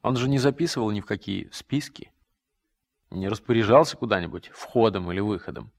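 A man's voice: fairly low pitch, expressive, a little fast, gravelly. Man narrating a rueful memory. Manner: reflective, rueful storytelling. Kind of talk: first-person scripted narration in a radio drama.

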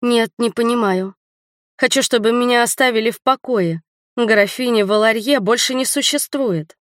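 A woman's voice: a little high, moderate pace, no echo, clean studio sound, pitched above the performer's own voice, close to an everyday voice. A woman voicing a spirited young runaway countess in an audiobook, speaking in a raised, emphatic way. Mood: indignant.

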